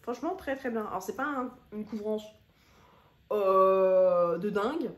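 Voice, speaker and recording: A woman at a middle pitch talks loosely through her favourite cosmetics, filling pauses and doubling words as she gushes. She is recorded on a phone camera in an echoey room at home. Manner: chatty, repeats words for emphasis, many fillers. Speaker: beauty vlogger. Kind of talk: casual product review chat.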